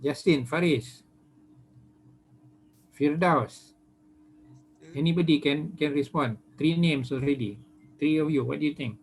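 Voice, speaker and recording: A man's voice: fairly high pitch, unhurried, pauses often, a little hiss or hum, rough recording. A male university lecturer giving an online lecture on a video call, hesitant with many fillers, who is losing his voice.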